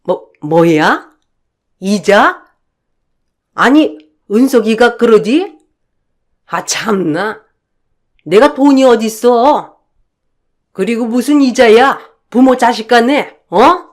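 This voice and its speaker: A woman's voice: a little high, animated, takes it slowly, long pauses. A woman voicing a pushy, scornful older mother-in-law in storybook dialogue, scolding and indignant.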